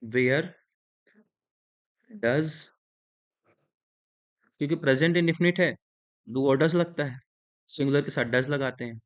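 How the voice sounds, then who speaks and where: A man with an Indian accent teaching an English grammar lesson in Hindi, slowly dictating sentences and explaining each step. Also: fairly high pitch.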